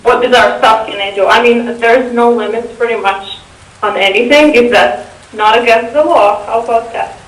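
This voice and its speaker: A woman's voice: a little high, normal speed. A woman with a Russian accent chatting playfully and giggling as the new VJ in an interview. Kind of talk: casual interview chat. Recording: echoey room, distant mic, faint noise.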